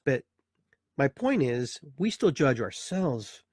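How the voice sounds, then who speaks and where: This host and therapist in his fifties gives a casual, reflective monologue on his live talk show, rambling with plenty of fillers and restarts. His medium-pitched voice is very animated yet slow, darkish and slightly rough, captured in clean studio sound without echo.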